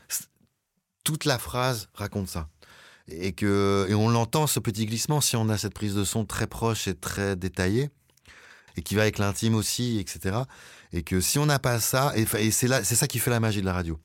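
A man's voice: lowish voice, dry recording, clean studio sound. A man, a radio producer, reflecting in conversation and searching for his words as he thinks aloud.

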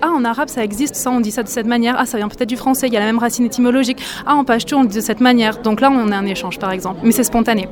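A woman's voice: a little high, rapid-fire, hardly any pauses, a crowd in the background. A woman who teaches French, speaking reflectively in an interview.

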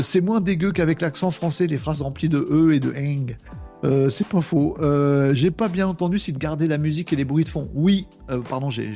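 Gravelly-voiced man hosting a casual livestream. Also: medium pitch, darkish tone. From France. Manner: chatty, loose, fillers, reads viewer comments aloud. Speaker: host of a daily live webinar. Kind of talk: casual live-stream chat reading comments.

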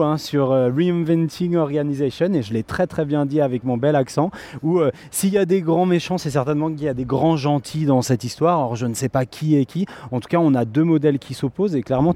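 Joking male co-host with a warm voice. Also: fairly high pitch. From Île-de-France, France. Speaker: podcast co-host. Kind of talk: casual conversation.

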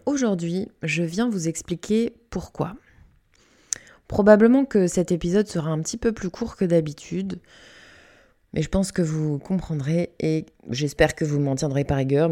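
A woman's voice: on the low side, mellow. A woman from Canada hosting her own reflective podcast, talking candidly and casually with fillers and the odd swear. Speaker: podcast host. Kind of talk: unedited reflective podcast monologue.

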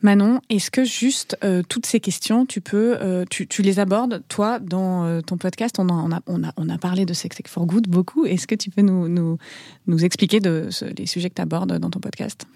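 A woman's voice: fairly low pitch, fairly even intonation, moderate pace, creaky, warm tone, no room sound, clean studio sound. A woman hosting a casual podcast interview, asking questions in an easygoing, teasing manner. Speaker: podcast host.

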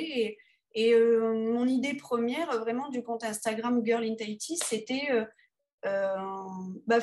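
A woman, an underwater photographer being interviewed, talking casually with many pauses and restarts. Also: on the high side, darkish tone. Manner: hesitant, many fillers and restarts.

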